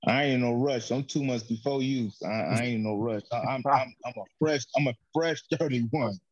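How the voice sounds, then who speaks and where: A man's voice: medium pitch, moderate pace, no room sound. Podcast guest, man in his thirties, joking, muffled dry call audio. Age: 30s. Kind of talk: casual chat. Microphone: video call.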